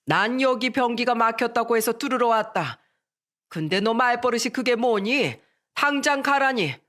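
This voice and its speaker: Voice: mid-range voice, expressive, a little slow, fairly bright tone, pitched above the performer's own voice. A storyteller voicing an angry middle-aged father who works as a plumber, speaking in a raised, indignant voice. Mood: offended.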